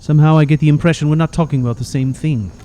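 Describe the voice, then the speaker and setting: A man's voice: a little high, fairly even intonation, racing, dark tone, natural voice. A man playing a guarded, curmudgeonly adventurer in a game, speaking in a dry, formal and terse way. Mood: dry, aloof. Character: guarded, curmudgeonly male adventurer who craves silence. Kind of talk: video game character dialogue.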